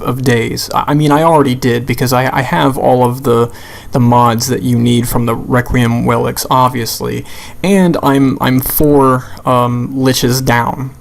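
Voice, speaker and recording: A man with a creaky, gravelly voice of middling pitch talks off the cuff over game footage. He is blunt and exasperated, swearing freely as he complains his way through his commentary. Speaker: gamer making a rant video. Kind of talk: unscripted video game rant commentary.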